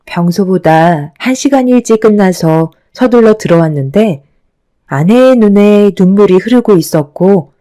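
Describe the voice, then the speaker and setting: A woman narrating a first-person radio story in a calm, even storytelling manner. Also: mid-range voice.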